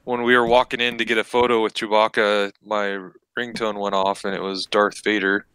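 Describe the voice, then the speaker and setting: A man's voice: fairly low pitch, flat delivery, normal speed, sharp tone, clean tone, no room sound, rough recording. A man on a gaming podcast panel, telling an easygoing story and laughing at it. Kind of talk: casual storytelling chat.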